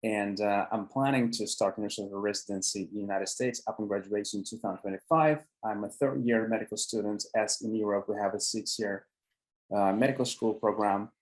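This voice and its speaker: A man's voice: fairly low pitch, steady tone, fairly quick, poor audio. Hesitant man presenting a paper. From Finland. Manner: hesitant, many fillers and restarts. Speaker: medical student presenter.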